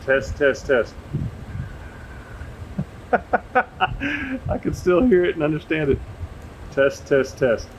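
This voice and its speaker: With a fairly high pitch, this video host takes things slowly and pauses often, and the audio sounds dull. He's a drone tester running a casual field test beneath an open shelter at an airfield, talking off the cuff into the camera mic over noisy audio and a steady ambient hum.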